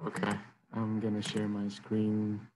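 A man's voice: unhurried, noisy background. A young man from Ethiopia giving a video-call lecture as a guest presenter, with many hesitant "uh"s. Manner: many filler "uh"s, low flat delivery. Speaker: guest presenter, graduate student.

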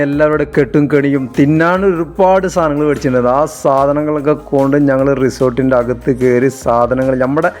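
A man's voice: a little high, darkish tone. A man with a northern Kerala Malabar accent narrates a casual travel vlog enthusiastically, mixing English words into his Malayalam. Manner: enthusiastic, repeats a catchphrase. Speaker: travel vlogger. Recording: music under the voice.

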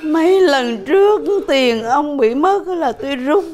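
An actress playing an emotional, pleading wife. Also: female voice, high voice, animated, unhurried, a little mellow. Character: fussy wife confessing to her husband. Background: sitcom background music.

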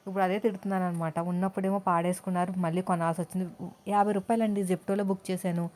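A woman's voice: lowish voice, flat delivery, rapid-fire, darkish tone. A woman, chatting to viewers about her day in a casual home vlog. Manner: talkative, addresses viewers directly. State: tired. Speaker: vlogger.

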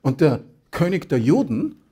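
A man's voice: a little high, wildly swooping pitch, a little slow, dark tone, breathy edge. A man giving an emphatic sermon that explains scripture. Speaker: preacher. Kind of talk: Bible exposition sermon.

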